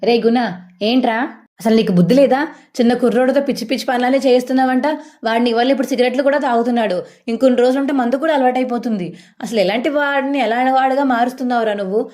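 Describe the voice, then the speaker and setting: A woman voicing a caring but fiery young wife in a retold TV serial, quick to scold. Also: a little high, warm tone, lightly acted. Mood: furious.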